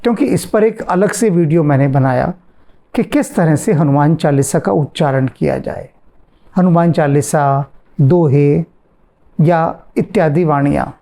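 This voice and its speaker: A man teaches in a devotional question-and-answer talk, taking his time over every phrase. His voice sits a little high but sounds dark and mellow, with a gravelly texture. He circles back to the same words again and again to drive the point home. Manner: slow, deliberate explaining, repeats phrases for emphasis. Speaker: spiritual teacher.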